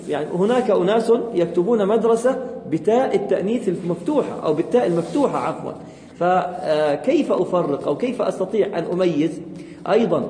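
High-voiced man teaching grammar in an echoey room. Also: warm tone. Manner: patient, repeats examples and asks the class questions. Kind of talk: classroom grammar lesson. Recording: echoey room with long reverb.

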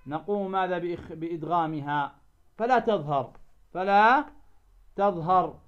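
A man teaching a lesson on recitation rules. He asks the class questions for them to finish and slows down to sound out example words. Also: sits high. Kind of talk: tajweed lesson explaining a didactic poem. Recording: dull lo-fi recording.

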